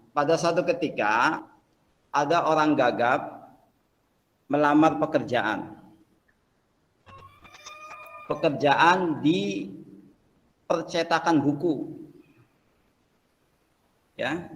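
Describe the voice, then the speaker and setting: A male teacher leading a class in a relaxed, chatty way, full of fillers, telling the students a story. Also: a little high, big-room sound, rough recording.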